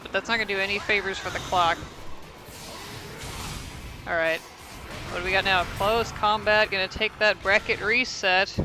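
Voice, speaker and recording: Male esports commentator, high bright voice, casual and self-deprecating, faint music behind. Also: low-quality recording. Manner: rambling, self-deprecating, thinks aloud. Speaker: tournament commentator.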